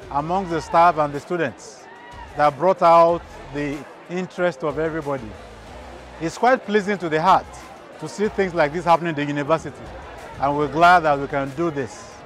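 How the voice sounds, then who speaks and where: Middle-aged Nigerian-accented official, formal and pleased, higher voice, soft music behind. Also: male voice. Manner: formal and congratulatory. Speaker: university administrator. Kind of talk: on-camera interview. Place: outdoor campus grounds.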